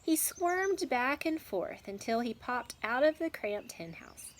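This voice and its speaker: A woman teacher with a high-pitched, expressive voice reads aloud to children and talks it over with them at an unhurried pace. She teaches through questions and answers, checking their understanding, with some background noise present.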